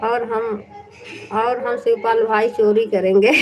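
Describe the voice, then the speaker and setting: A woman's voice: a little high, fairly even intonation, takes it slowly, slight background noise, poor audio. A woman chatting casually on a live stream through an earphone mic, teasing and laughing often.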